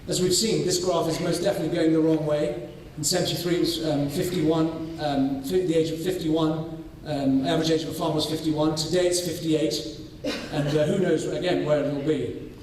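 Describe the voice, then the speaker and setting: Man presenting at a conference, fairly high voice, hesitant with fillers, heard from far off in a big echoing room. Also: steady tone, a little mellow, a little hiss or hum. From North Wales. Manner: measured, with frequent ums and restarts. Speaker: farming scholar presenting his study. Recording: echoey hall, voice from far off.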